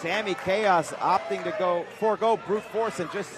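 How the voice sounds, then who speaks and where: A man doing live wrestling commentary, excitable and quick to exclaim at the big moves. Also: high-pitched. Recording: loud crowd noise, live event venue. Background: crowd and event noise.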